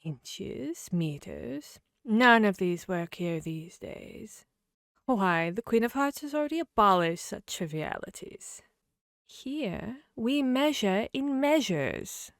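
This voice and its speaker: A woman's voice: medium pitch, lively intonation, gravelly, no room sound, clean studio sound. A woman voicing a grinning, fickle cat from Wonderland, playful and riddling, in an ASMR fantasy roleplay. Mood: teasing, musing. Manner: slow, playful, riddling drawl. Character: grinning Cheshire cat, teasing, fickle, mad Wonderland creature.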